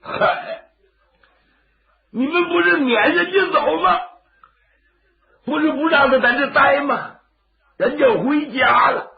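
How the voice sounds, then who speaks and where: A male storyteller voicing a kindly, anxious old peasant with a gravelly voice, a Northeastern Chinese accent and dramatic, plaintive exclamations. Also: fairly high pitch, very animated, takes it slowly, phone-quality sound, full character voice. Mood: alarmed.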